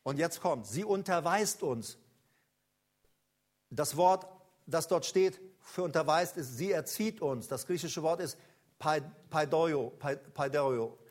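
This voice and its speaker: Emphatic high-voiced German preacher man. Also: expressive, a little slow. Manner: emphatic, rousing, addresses listeners directly; swings between loud calls and low intimate asides. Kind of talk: charismatic sermon.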